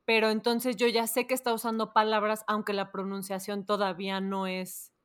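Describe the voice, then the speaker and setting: A woman's voice: mid-range voice, level tone, moderate pace, clean tone. Conversational woman host. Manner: conversational, asks follow-up questions. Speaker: podcast host, mother. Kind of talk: casual podcast chat.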